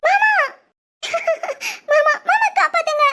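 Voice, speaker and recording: A woman voicing a playful, teasing young bride in an animated village family story, with a southern Tamil Nadu accent and a giggly, squealing way of talking. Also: extremely high pitch, slow, heavily acted. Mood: frightened.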